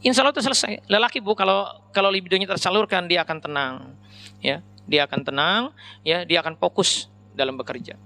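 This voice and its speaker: A man's voice: high-pitched, sharp tone. A man giving a conversational religious lecture, talking straight to the men and women in front of him. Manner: chatty, addresses audience directly as Pak and Bu. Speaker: Islamic preacher.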